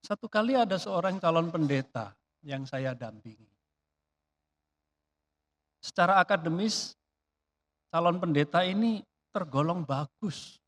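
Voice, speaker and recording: A man preaching a sermon in a church, chatty and lively, with rhetorical questions and sudden swings between loud emphatic bursts and quiet asides. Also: on the high side, a little slow, pauses often. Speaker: pastor.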